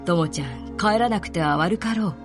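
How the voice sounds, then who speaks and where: A woman voicing an aging, gentle male teacher who speaks quietly and wistfully. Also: fairly low pitch, animated, moderate pace, soft background music, pitched below the performer's own voice, lightly acted.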